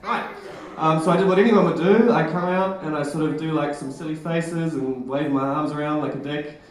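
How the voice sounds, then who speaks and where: A man's voice: on the high side, fairly even intonation, brisk. A young man gives a comic, self-deprecating talk on stage at a live event, heard through an echoey hall. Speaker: presenter.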